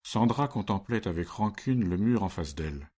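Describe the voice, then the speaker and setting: A male narrator with a very deep voice reads a story. His delivery is measured and steady. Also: slightly rough. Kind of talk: scripted narration.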